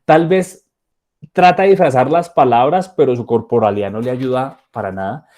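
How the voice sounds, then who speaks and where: A man giving a soft skills training talk, conversational and acting out short dialogues. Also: mid-range voice, moderate pace. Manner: conversational, acts out little dialogues with repeated fillers. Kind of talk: training lecture.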